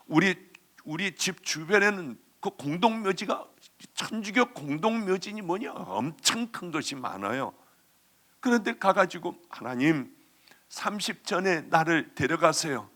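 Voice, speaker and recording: A middle-aged male pastor preaching a sermon, telling stories with strong feeling and moving from hushed tones to loud ones. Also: high voice. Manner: emotional storytelling, swinging between hushed and loud. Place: church retreat hall.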